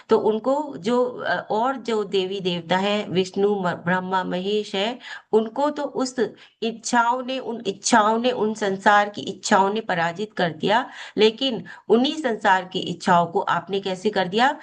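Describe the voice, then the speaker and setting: Woman, devotional course teacher, explanatory, asks and answers her own questions, mid-pitched voice. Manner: slow, deliberate chanting of mantra syllables. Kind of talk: explaining a devotional hymn and mantra practice.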